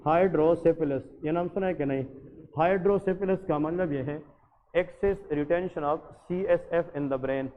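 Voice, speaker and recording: A man's voice: a little high, slight background noise. A man teaching medicine in an exam-focused lecture, mixing English terms into his speech and putting questions to the class that he answers himself. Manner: addresses listeners as janab. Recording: tinny, phone-like audio with a long reverb.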